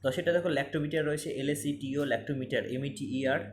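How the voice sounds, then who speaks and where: A man's voice: fairly high pitch, racing. A man teaching spelling for exams, spelling words letter by letter and repeating them for emphasis. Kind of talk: exam-prep spelling lesson. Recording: roomy echo, faint ambience.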